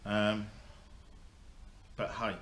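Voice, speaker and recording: A young motorsport vlogger gives a casual, rambling update to the camera in front of him, full of ums and restarts. His lowish voice is monotone, very slow and a bit bright. The indoor workshop is echoey with a faint hum.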